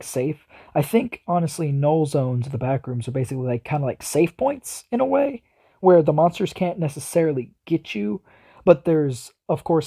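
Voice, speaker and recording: A man hosts a reaction video, musing and speculating aloud in a relaxed, casual way. His voice sits slightly high but sounds dark and mellow.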